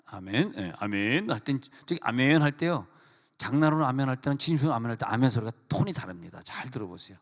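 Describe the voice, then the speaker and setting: Middle-aged pastor preaching in a reverberant church. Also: male voice, medium pitch, fast. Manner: animated preaching with acted-out quotes and asides to the congregation. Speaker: senior pastor. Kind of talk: sermon. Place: church sanctuary. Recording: long reverb of a church hall.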